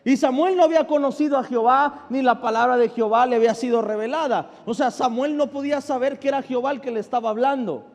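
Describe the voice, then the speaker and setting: A man's voice: very high-pitched, darkish tone, in a large hall. A male pastor preaching a sermon. He asks the congregation questions and answers them himself, and calls for their responses.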